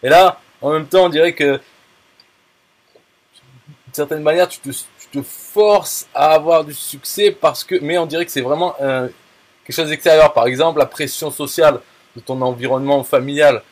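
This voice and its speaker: This affiliate marketer has a fairly high voice with fairly even intonation and speaks at normal speed. His casual talk to a viewer is blunt and crowded with fillers, restarts and crude slang.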